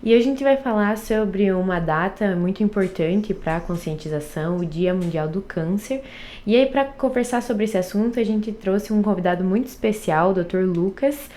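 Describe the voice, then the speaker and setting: A woman's voice: medium pitch, normal speed, dark tone. A woman hosting a podcast, introducing a guest and asking friendly, informal questions. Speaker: podcast host.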